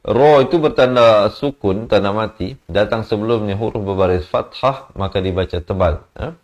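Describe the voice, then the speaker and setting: A man with a Malaysian Malay accent teaching Quran recitation rules. He chants short phrases, then drops into quiet spoken explanation and patiently corrects mistakes syllable by syllable. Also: lowish voice, moderate pace, lo-fi sound.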